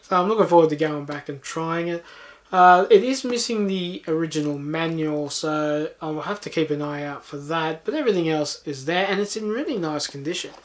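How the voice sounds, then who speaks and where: A man's voice: on the high side, moderate pace. A man hosting a game collecting video, chatting casually in an understated, unscripted way. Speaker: host of game collecting channel. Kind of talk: casual chat to viewers.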